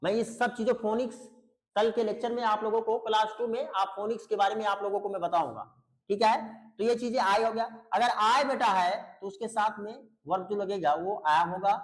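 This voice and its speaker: Teaching English grammar online, this high-pitched male teacher explains things in Hindi and works on pronunciation. He repeats key words, asks students to reply, and affectionately calls them beta in a patient way. The recording is rough.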